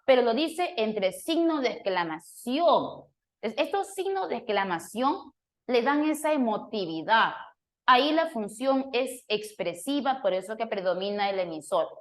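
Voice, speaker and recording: A woman leads a classroom review, her voice sitting a little on the high side. She explains patiently and works through each point. She often stops to put a question to a student by name. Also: animated, unhurried. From Peru. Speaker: language teacher.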